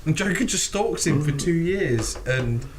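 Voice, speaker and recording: Background noise sits under this British man's voice, which is on the high side and a little slow. As co-host of a casual podcast, he's animated, swears freely, laughs often and acts out lines.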